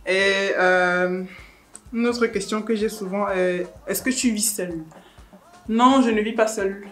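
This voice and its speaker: A woman, chatting casually through viewer questions in a teasing, laughing way. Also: mid-range voice. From Cameroon. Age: 20s. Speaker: YouTuber. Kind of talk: casual vlog Q&A.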